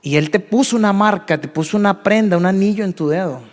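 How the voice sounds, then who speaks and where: A man in his thirties with a Colombian Spanish accent, telling his testimony in a sermon, swinging between hushed confession and emphatic peaks. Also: quick pace, long reverb tail. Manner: emotional storytelling, dropping to hushed tones and rising to emphatic highs. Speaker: preacher.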